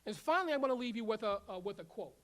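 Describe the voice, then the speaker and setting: A school leader giving an emphatic graduation address in a large ceremony room, with repeated rallying phrases and halting filler words. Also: mid-range voice, lively intonation. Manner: emphatic, repetitive rallying phrases, leads call-and-response; halting with frequent "uh" fillers when speaking off-script. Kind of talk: commencement speech.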